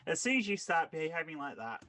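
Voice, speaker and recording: A woman's voice: deep voice, very animated, brisk, fairly bright tone, no room sound. A woman with an Australian accent, chatting casually on a livestream, blunt and laughing often. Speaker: stream co-host.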